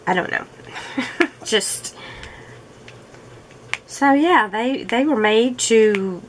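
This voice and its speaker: A woman's voice: medium pitch, vocal fry, a little hiss or hum, poor audio. A woman hosting a crafting channel, chatting casually in a rambling, friendly way with small laughs. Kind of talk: casual chat while crafting.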